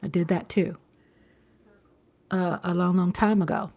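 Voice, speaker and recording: A woman in her fifties hosts a livestream, talking casually with viewers, repeating phrases and checking in with "you know." Her voice is on the low side, dark and steady, and she takes her time.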